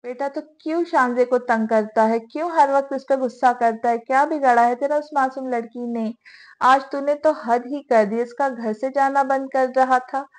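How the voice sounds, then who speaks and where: A woman's voice: high voice, fairly even intonation, moderate pace, darkish tone, natural voice. A woman reading the lines of a caring middle-aged mother who scolds her son. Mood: admonishing. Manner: scolding, protective.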